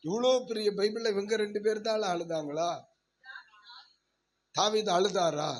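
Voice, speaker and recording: A male pastor preaching a sermon in a church service, asking the congregation questions and leading loud prayer. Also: sits high, fairly even intonation, measured pace. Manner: leads loud prayer and shouts of hallelujah.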